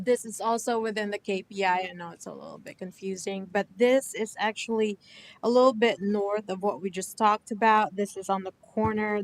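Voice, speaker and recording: A woman's voice: mid-range voice, slight background noise. A woman city planner presenting a project at a committee meeting, hesitant, with many ums and self-corrections. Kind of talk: staff report at a meeting.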